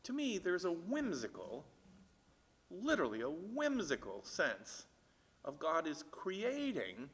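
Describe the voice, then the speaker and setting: Guy pastor talking scripture over, starts and restarts, reverby church room. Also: a little high. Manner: thoughtful, halting restarts, animated when reading aloud. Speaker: pastor leading Bible discussion. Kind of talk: casual discussion.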